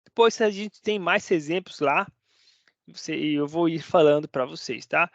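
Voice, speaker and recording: A man's voice: a little high, moderate pace, no room sound. A man gives a casual online Spanish lesson in a chatty, conversational way. He keeps stopping to check that his viewers are following. The recording is dry and close, with a slightly dull, muffled tone. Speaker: Spanish teacher.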